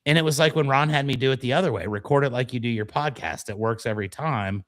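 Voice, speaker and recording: A male co-host chats casually in a mid-pitched voice. He spins stories with self-deprecating, mock-dramatic delivery, in radio-show banter style. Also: fast, fairly bright tone.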